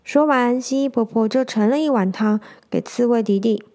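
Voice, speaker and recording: A woman reading a children's picture book aloud, gently stopping to explain words. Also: fairly high pitch, moderate pace. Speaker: storyteller.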